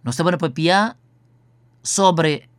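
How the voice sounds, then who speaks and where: Earnest rambling talker, close dry radio sound. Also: male voice, on the high side, slow pace, no room sound.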